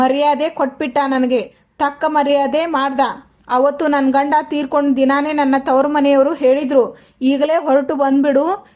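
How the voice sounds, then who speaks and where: A woman's voice: sits high, a little mellow, lightly acted. A woman voicing a tearful, scheming middle-aged widow from a TV serial, in a plaintive, self-pitying tone.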